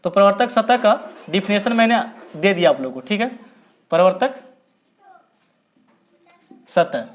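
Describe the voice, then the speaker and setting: A man giving a physics lesson, who keeps asking the class questions, answers them himself, and repeats key terms slowly. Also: high-pitched, lively intonation, highs cut off. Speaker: physics teacher. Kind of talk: blackboard lecture.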